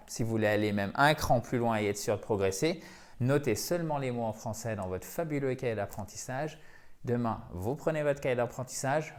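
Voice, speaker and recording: French guy teaching english pronunciation, normal pitch, upbeat, says words over and over slowly. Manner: lively, coaxing, repeats words slowly to model pronunciation. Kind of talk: pronunciation lesson.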